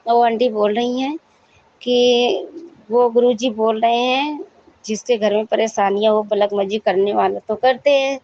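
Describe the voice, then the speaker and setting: A woman's voice: on the high side, fairly even intonation, unhurried, darkish tone. A woman recounts a devotional testimony with a slightly raised voice. She talks straight to the congregation as sangat ji and stops now and then to apologize and set a detail right. The recording is dull and lo-fi. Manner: storytelling, often addressing listeners as sangat ji; apologetic self-corrections mid-story.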